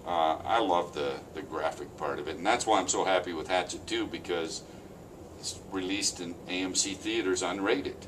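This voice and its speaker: A man who works as an actor and stunt coordinator, speaking as a guest in a casual interview with calm, dry humor. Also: low-pitched, moderate pace, noisy background. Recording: slightly distant from mic.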